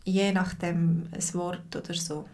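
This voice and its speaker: A woman with a Swiss German accent teaching a live online language lesson, speaking slowly and clearly and repeating phrases for learners. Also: fairly low pitch, level tone, a little mellow.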